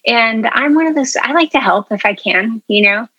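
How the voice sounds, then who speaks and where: A woman's voice: on the high side, lively intonation, moderate pace, bright, forceful tone, husky, no room sound, muffled recording. A woman telling her story as an interview guest, earnest and chatty, with plenty of ums and you-knows. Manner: earnest, chatty, many fillers. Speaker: interview guest, food media founder.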